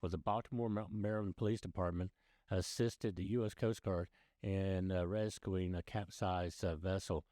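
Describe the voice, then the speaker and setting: A man's voice: sits low, steady tone, moderate pace, mellow, no room sound, clean studio sound. A man hosting a boating news video in a casual, folksy way, talking straight to viewers. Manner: folksy, addresses viewers as guys.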